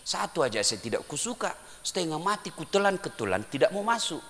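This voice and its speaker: Man doing a clueless wealthy old grandpa, high-pitched, shouty, in a reverberant hall. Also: sing-song, a little fast, exaggerated voice. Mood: puzzled. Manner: shouting into a phone. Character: rich old illiterate village haji, bumbling.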